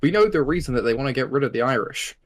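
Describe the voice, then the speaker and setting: A man's voice: medium pitch, expressive, very fast. A man co-hosting a movie podcast, arguing his point hesitantly with repeated restarts. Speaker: podcast co-host. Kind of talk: casual chat.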